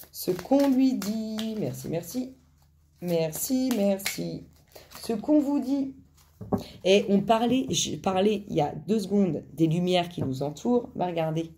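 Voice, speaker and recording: A woman's voice: medium pitch, dark tone, slight background noise. A woman giving an informal spiritual card reading, chatting to viewers and to herself and often repeating short phrases. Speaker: tarot and oracle card reader, host.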